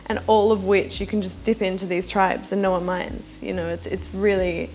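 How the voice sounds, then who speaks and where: Even-toned enthusiastic woman. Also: medium pitch, moderate pace, soft background music, rough recording. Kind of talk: interview answer.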